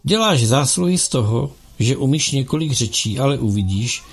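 A man's voice: medium pitch, animated, gravelly, slightly rough. A man reading a haughty young empress. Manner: reproachful, haughty retorts. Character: proud, sharp-tongued young empress.

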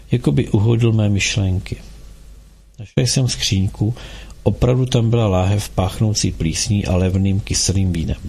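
A man hosting a radio show, reading a novel aloud in a calm, steady storytelling manner. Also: fairly low pitch, creaky, husky. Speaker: radio host.

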